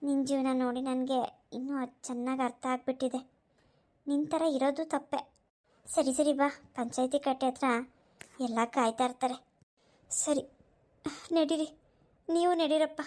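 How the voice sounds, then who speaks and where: A woman's voice: high voice, steady tone, measured pace, pauses often, darkish tone. A woman voicing an outspoken village woman in a cartoon who lectures and scolds emphatically while standing up for her friend. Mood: earnest. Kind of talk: cartoon voice acting.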